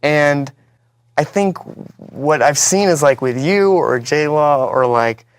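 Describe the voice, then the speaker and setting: A man's voice: a little high, slow, clean tone, dry recording. Rambling man interviewer, dry sound. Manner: rambling, lots of filler words. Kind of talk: casual conversation.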